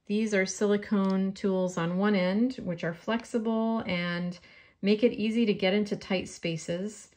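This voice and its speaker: A woman's voice: medium pitch, steady tone, measured pace, a little mellow. A woman with a faint New York accent giving a friendly step-by-step polymer clay crafting tutorial.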